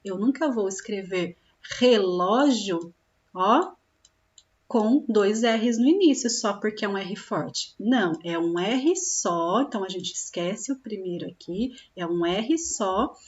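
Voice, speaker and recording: A woman teaching young children, slowly drawing out syllables and often checking in with them. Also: medium pitch, expressive, muffled recording. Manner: slow, drawn-out sounding of syllables, with frequent check-in questions. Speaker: primary school teacher. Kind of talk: recorded classroom lesson for young children.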